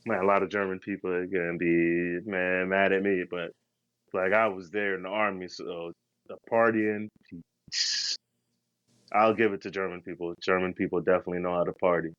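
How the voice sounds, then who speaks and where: A man's voice: deep voice, level tone, moderate pace, smooth, dry recording, dull audio. A man co-hosting a podcast, telling travel stories in a slangy, laid-back, rambling way. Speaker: podcast co-host. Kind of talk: casual travel storytelling.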